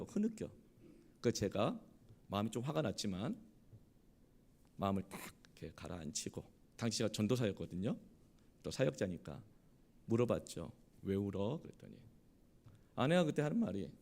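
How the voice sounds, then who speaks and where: A middle-aged man preaching a sermon, telling a personal story, moving from hushed tones to loud, emotional bursts. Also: fairly low pitch. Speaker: pastor.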